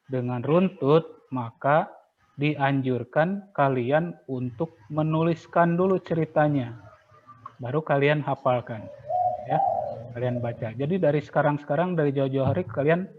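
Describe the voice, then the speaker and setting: A male teacher patiently explaining exam rules to students, with many fillers and repetitions. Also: medium pitch. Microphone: video call. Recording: tinny phone-like online call audio.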